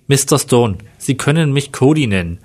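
A man's voice: mid-range voice, expressive, normal speed, darkish tone, close to an everyday voice. Impatient male police chief, read aloud by a man, plain storybook delivery. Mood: brusque.

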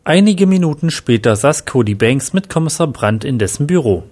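A man reading a crime story as narrator in a steady, even way. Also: mid-range voice, normal speed.

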